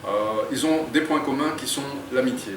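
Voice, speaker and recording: A man, an author, talking in an interview in a thoughtful, hesitant way with many pauses. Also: mid-range voice. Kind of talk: interview and reading aloud. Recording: echoey room, distant mic, faint noise.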